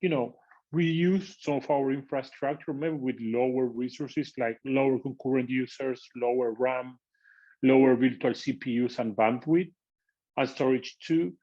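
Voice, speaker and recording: A man's voice: medium pitch, steady tone, measured pace, warm tone, dull audio. A man with an Argentine accent explaining technical work as an interview guest. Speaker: podcast guest, tech product manager.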